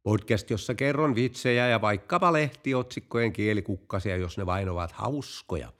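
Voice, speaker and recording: A man's voice: on the low side, fairly bright tone. A man hosting a podcast and telling jokes, narrating in a playful, storytelling way. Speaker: podcast host.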